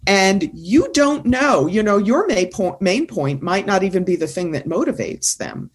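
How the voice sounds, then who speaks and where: Woman, presentation coach, mid-pitch, emphatic and insistent, podcast guest. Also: expressive, moderate pace, husky. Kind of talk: casual interview conversation.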